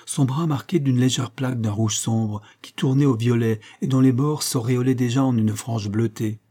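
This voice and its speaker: A man narrating a classic novel as an audiobook, in a dark and mellow voice. His delivery is measured and even, at a middle pitch. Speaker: audiobook reader.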